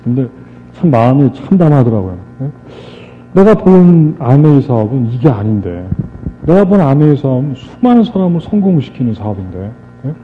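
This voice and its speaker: Middle-aged man, animated storyteller, stage speech, thin phone-like sound, faint music behind. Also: medium pitch, moderate pace. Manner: animated, re-enacts dialogue and jokes with the crowd. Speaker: motivational speaker. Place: stage before a live audience. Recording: tinny lo-fi archive recording with faint music.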